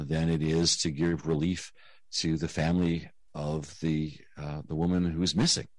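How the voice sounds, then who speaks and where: A man giving measured, explanatory answers as an interview guest, heard through low-quality video call audio. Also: dry recording. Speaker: interview guest, nonprofit director.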